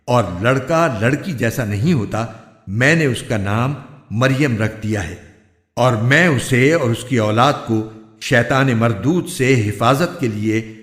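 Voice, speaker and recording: A man giving a measured, solemn scripted reading of a scripture translation. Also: mid-range voice. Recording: echoey, roomy recording.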